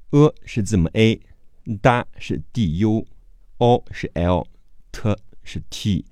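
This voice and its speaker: Male vocabulary tutor, low and unhurried, spells words letter by letter; dry close voice-over. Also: warm tone, no room sound. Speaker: English teacher. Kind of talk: spelling and pronunciation lesson.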